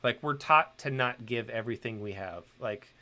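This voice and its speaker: A man's voice: medium pitch, normal speed, pushed and bright. Middle-aged man rambling while he draws. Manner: rambling, with many ums and restarts. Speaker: host and illustrator. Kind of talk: livestream chat while drawing.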